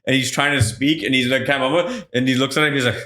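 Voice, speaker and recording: A man's voice: mid-range voice, steady tone, quick pace, pushed and bright. A man chatting casually as a podcast co-host, recorded with a roomy echo. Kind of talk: casual chat.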